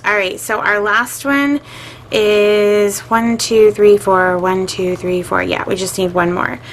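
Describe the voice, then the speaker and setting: A woman's voice: mid-range voice, fairly even intonation, takes it slowly, low-quality recording. A middle-aged woman and regular vlogger chatting casually while she sorts her budget, musing aloud with plenty of filler words.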